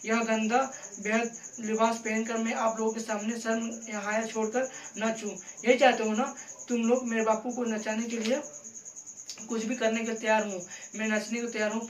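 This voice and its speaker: A man's voice: high-pitched, little pitch movement, moderate pace, roomy sound, natural voice, low-quality recording. A man voicing a young daughter desperately begging thugs to spare her father. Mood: desperate pleading.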